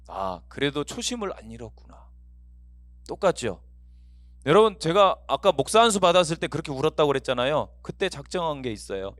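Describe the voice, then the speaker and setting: A man's voice: mid-range voice, no room sound. A middle-aged man gives a lecture to fellow pastors and fills it with anecdotes and little acted-out quotes. His voice rises and falls with plenty of life. The sound is dry and close to the mic.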